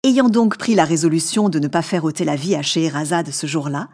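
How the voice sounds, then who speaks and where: A woman's voice: low voice, fairly quick, darkish tone. A woman narrating a classic tale as an audiobook, reading expressively.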